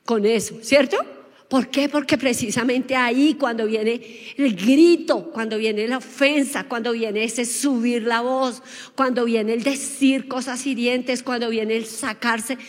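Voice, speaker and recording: A woman preaching a sermon, lively and often asking the congregation questions. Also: a little high, unhurried. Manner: lively, asks the audience questions. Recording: long hall reverb.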